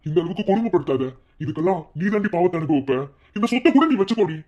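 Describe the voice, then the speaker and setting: A man's voice: high-pitched, lively intonation, fast, lo-fi sound. An actor playing a husband who angrily scolds his wife, then pleads with her. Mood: pleading. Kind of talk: TV serial dialogue.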